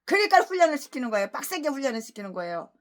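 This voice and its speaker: Lady pastor preaching, high voice that jumps all over, yells then mutters, really worked up. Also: sing-song, very fast. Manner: abusive, swings between shouting and muttering. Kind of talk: expository sermon with angry tirades.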